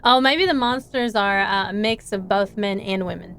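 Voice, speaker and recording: A woman streams a visual novel, giving live game commentary while dramatically reading it aloud and chatting along, with faint music in the background. Her mid-range voice is a bit bright and her pace moderate.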